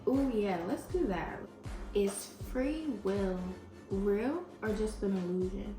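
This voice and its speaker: A woman's voice: medium pitch, takes it slowly, mellow. Young woman chatting casually in an echoey room. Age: young adult. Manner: informal slangy, muses aloud with rhetorical questions. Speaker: YouTuber. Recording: roomy echo, music behind. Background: music.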